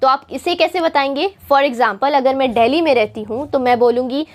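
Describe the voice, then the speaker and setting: A woman from India teaching a spoken English lesson, patient and repetitive, stretching out her English example phrases slowly. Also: high-pitched. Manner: patient, repeats points for students.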